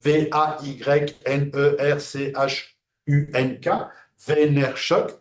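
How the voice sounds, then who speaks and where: A man's voice: on the high side, level tone, slow, roomy sound, slight background noise. A man giving a classroom lecture, hesitant and full of fillers and restarts.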